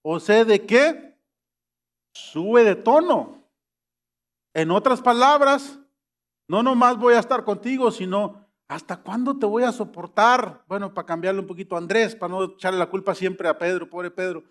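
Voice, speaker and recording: Middle-aged male pastor, high voice, lively sermon that acts out quoted voices. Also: normal speed. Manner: animated preaching that acts out quoted voices, rising to emphatic high peaks.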